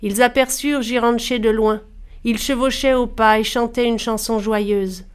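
Brief: female storyteller, somewhat high voice, calm measured folk-tale reading. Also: clean tone. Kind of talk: storybook narration.

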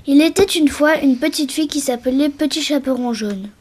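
Brief: high, playful woman telling a mixed-up children's tale. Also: a little mellow. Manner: playful, deliberately muddled. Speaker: storyteller. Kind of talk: playful children's story reading.

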